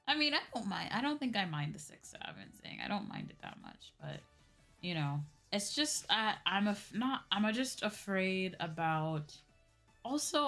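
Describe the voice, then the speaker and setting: A woman livestreamer and VTuber host chats casually with her viewers while music plays behind her. Her voice is mid-range and a little bright.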